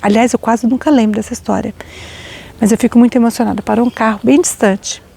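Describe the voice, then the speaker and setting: A middle-aged woman speaks as a spiritual teacher, addressing her listeners directly with heartfelt emotion. Her voice sits a little high, yet it has a dark, mellow color. A gravelly, breathy texture runs through her telling. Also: fairly even intonation, quick pace. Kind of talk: personal storytelling to an audience.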